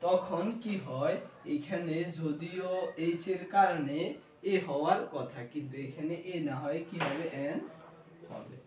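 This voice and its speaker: A man's voice: a little high, a little slow, a little mellow, slight background noise. A male English grammar teacher with a Bangladeshi accent, giving a classroom lesson and asking questions he then answers himself. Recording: echoey room, voice from far off.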